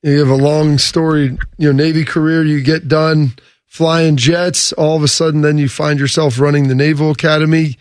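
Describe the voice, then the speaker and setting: A man's voice: on the high side, level tone, normal speed, no echo. Man interviewing in a dry radio studio. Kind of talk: conversational interview questioning.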